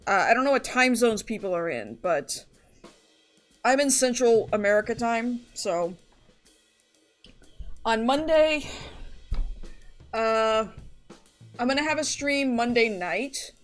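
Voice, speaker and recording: A woman's voice: on the high side, lively intonation, slow, long pauses, soft background music. A woman streamer chatting casually to her live audience, rambling and going off on tangents. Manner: rambling, chatty, often restarts and trails off.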